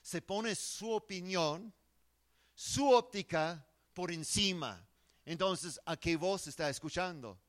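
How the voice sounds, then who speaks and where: A man's voice: high-pitched, expressive, takes it slowly, a bit bright. A man preaching a sermon in an earnest, emphatic way, often restarting his words.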